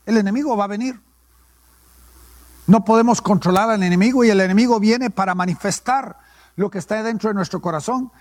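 A man's voice: high voice, fairly quick, no room sound, studio quality. A male pastor, preaching a sermon and asking questions that he answers himself. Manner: call-and-response preaching, asks and answers his own questions.

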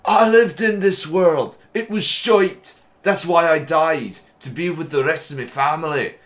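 A man's voice: a little high, measured pace, a bit bright. A man voicing a grumpy male ghost who complains bitterly about being freed from hell.

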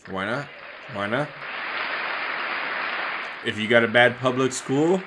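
A man's voice: medium pitch, slow pace, a crowd in the background. A tired man giving loose, casual commentary with lots of fillers and restarts while he reacts to a speech. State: tired, yawning. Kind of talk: casual late-night commentary. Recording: loud background noise.

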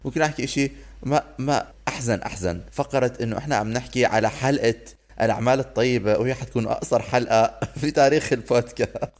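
A man's voice: medium pitch, quick pace, darkish tone. A man from Iraq, chatting casually as a podcast co-host and mixing in English phrases. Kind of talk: casual chat.

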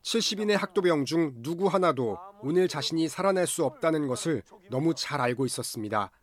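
A man's voice: a little high, animated, a little fast. A man delivering scripted film recap narration in a formal storytelling manner.

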